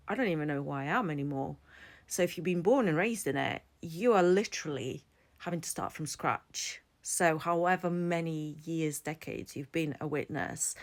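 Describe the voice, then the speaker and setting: A woman, giving an earnest, reflective personal explainer to camera as a vlogger. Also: sits low. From Latvia. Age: 40s. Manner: earnest and reflective, thinking aloud. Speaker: vlogger and psychology student.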